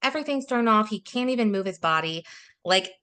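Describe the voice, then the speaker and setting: A woman co-hosting a podcast with a bright, clear voice at a middle pitch. She chats casually, wanders through her sentences and leans on "like". She laughs often between thoughts. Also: lively intonation, brisk. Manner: rambling, fills with "like", laughs often. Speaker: podcast co-host. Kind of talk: casual conversational chat.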